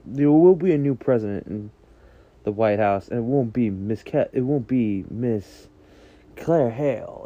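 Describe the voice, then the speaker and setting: A man hosting his own podcast, speaking earnestly in a halting way with frequent restarts. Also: mid-range voice, warm tone, dry recording, lo-fi sound. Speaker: podcast host. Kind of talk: solo podcast monologue.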